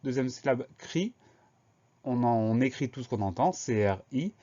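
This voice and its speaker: A man's voice: mid-range voice, brisk, mellow. Patient man spelling words aloud. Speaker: teacher. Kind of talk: spelling lesson. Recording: dull lo-fi recording.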